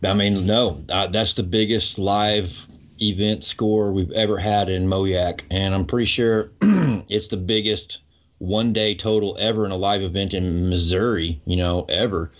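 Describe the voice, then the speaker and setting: Man, co-host, low voice, easygoing, keeps saying you know, dull lo-fi sound. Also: steady tone, a little slow. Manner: easygoing, enthusiastic, says "you know" often. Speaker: co-host of fishing show. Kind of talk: casual podcast chat. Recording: muffled lo-fi audio.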